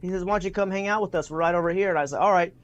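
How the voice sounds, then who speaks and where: A high-pitched man talks rapid-fire over a video call, the highs cut off. As an interview guest he tells stories with great enthusiasm and many fillers, performing what people said.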